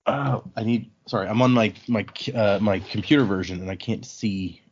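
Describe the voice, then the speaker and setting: A podcast host with a fairly low, husky, darkish voice chats informally about a book at normal speed, often wandering off on tangents. The audio sounds slightly dull and lo-fi.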